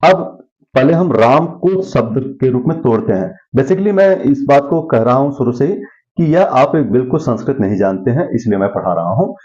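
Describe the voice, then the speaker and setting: A man's voice: medium pitch, lively intonation, moderate pace, a little mellow, lo-fi sound. Man teaching Sanskrit grammar, quizzing aloud. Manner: asks questions and answers them himself. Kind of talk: classroom lesson.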